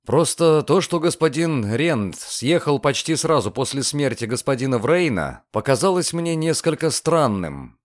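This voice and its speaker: A man voicing a calm, inquisitive young lawyer in an audiobook, measured and probing. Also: medium pitch, no echo, studio quality, voice pushed up.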